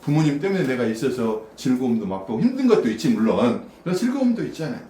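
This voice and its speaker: A man's voice: medium pitch, big pitch swings, fast talker, dark tone. A male pastor giving a casual sermon to a small congregation, chatty, questioning his listeners and often laughing. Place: small church room. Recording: roomy echo from a distant mic with faint background noise.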